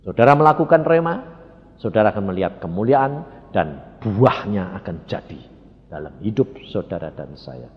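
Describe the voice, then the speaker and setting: A man's voice: fairly low pitch, moderate pace, muffled recording. A male pastor, preaching a sermon and putting rhetorical questions to the congregation in a large church hall. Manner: animated, rising to emphatic peaks, rhetorical questions to the congregation.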